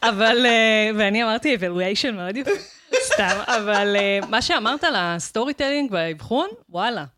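A woman's voice: fairly high pitch, hardly any pauses, background noise. A woman with an Israeli accent hosting a casual podcast chat in an informal, slangy way. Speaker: podcast host.

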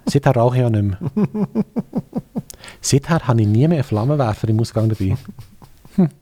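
A man's voice: medium pitch, brisk, dark tone. A middle-aged man with a Swiss German accent, a slam poet and guest, rambling and joking in casual chat. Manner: rambling, joking, self-mocking.

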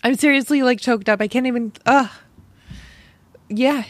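A woman's voice: on the high side, moderate pace, dry recording. A woman hosting a podcast in casual conversation, effusive and exclamatory. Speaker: podcast host.

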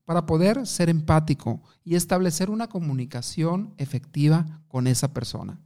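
A man's voice: fairly high pitch, moderate pace, warm tone. A man giving an instructive talk on communication, asking the listener questions and telling short anecdotes. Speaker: communication coach.

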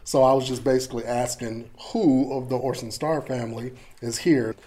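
Male ghost investigator, mid-pitched, casual and explanatory. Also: steady tone, moderate pace, warm tone. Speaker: paranormal investigator. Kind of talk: casual on-location talk.

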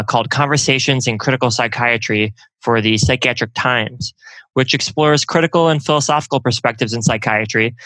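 A man hosting a podcast and interviewing a guest, with a measured, scripted introduction. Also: mid-range voice, bright, forceful tone, dry recording, low-quality recording.

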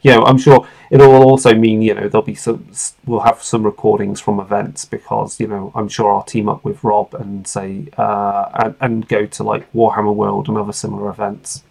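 A man's voice: on the low side, little pitch movement, normal speed, gravelly, hardly any pauses, a little mellow, low-quality recording. A man around forty hosting a casual podcast, talking in an informal, rambling way and swearing freely. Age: late 30s to 40s. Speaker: podcast host.

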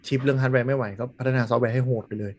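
A man chatting casually on a podcast, blunt and animated, swearing freely. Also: medium pitch, racing. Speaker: podcast host. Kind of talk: casual chat.

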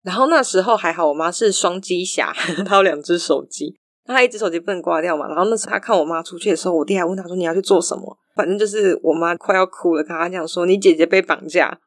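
A young adult woman with a Taiwanese Mandarin accent, telling stories in a casual, animated monologue and acting out the voices she quotes. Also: lowish voice, fast talker, no room sound, studio quality.

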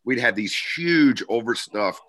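A man chatting casually on a fitness talk show, telling lively food stories. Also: mid-range voice, a little slow. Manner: animated storyteller, food anecdotes. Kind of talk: casual chat.

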